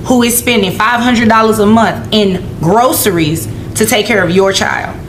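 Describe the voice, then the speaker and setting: A woman's voice: medium pitch, normal speed. A woman speaking as a courtroom judge, firm, scolding and insistent as she gives her rulings. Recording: roomy courtroom with clear background noise.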